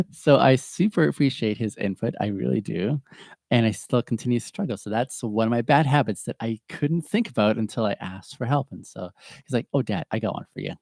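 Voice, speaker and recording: A middle-aged man talks through a casual, reflective podcast monologue from his home. His voice has a gravelly, mellow tone. He is chatty and earnest and often laughs at himself, and the sound is dry and close. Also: mid-range voice, brisk, dry recording. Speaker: podcast host.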